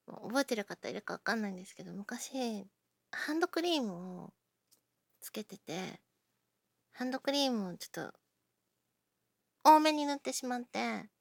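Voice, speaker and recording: A woman chatting casually to her listeners, self-deprecating, often dropping into breathy near-whispers while she talks through an injured shoulder. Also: mid-range voice, no room sound. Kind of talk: casual personal talk to listeners.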